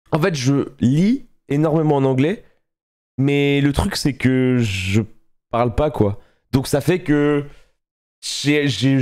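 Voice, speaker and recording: Speaking at a medium pitch, this male streamer talks loosely and excitedly with his live audience, cracking up often and cursing without a second thought.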